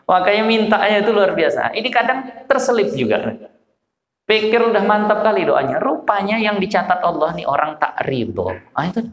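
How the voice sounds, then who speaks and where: At a village study gathering, a Medan-born Islamic preacher speaks at a moderate pace in a relaxed, story-driven religious talk, his Medan Malay accent clear. Animated throughout, he slips into low voices to portray people in his tales, and the hall's echo trails on long after each line.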